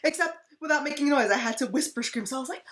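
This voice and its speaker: A woman's voice: sits high, fast talker, a bit bright, a little hiss or hum. A woman co-hosting a casual fan Q&A video, telling long rambling stories full of fillers and restarts. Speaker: channel co-host.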